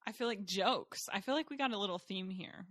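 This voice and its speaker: A woman's voice: medium pitch, brisk, fairly bright tone, dry recording, studio quality. A woman with a Texan accent co-hosting a podcast, riffing casually and laughing easily. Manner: laughs easily, riffs on tangents. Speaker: podcast co-host. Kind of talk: casual chat.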